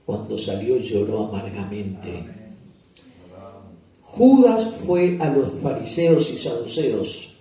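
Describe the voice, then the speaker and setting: A man's voice: medium pitch, expressive, takes it slowly, mellow. A man, a pastor telling a sermon story and asking the congregation questions. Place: church retreat service. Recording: echoey church hall, distant mic.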